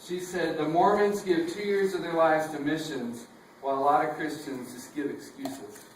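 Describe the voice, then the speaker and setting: A visiting missionary preacher from Texas, speaking with a Texan accent, tells stories casually, full of fillers and self-deprecating jokes, in a sermon that opens with singing. His voice sits on the high side with fairly even intonation and a normal pace. Captured from a distance in an echoey church sanctuary, with slight background noise.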